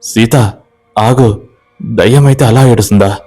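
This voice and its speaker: A man voicing a stubborn young village husband who shouts and demands answers in a horror story. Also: medium pitch, a little slow, soft background music. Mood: shouting, demanding.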